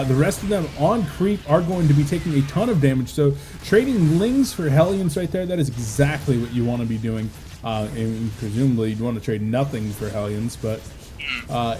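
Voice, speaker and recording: A man doing casual play-by-play commentary on a video game match, relaxed and chatty with lots of filler words. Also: mid-range voice, brisk, slight background noise. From United States. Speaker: esports caster.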